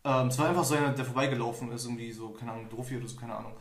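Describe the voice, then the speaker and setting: A man's voice: mid-range voice, level tone, very fast. A young man from Germany hosting a podcast, telling stories in a loose, rambling way full of fillers. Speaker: podcast host. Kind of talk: casual podcast conversation. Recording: echoey room, somewhat off-mic.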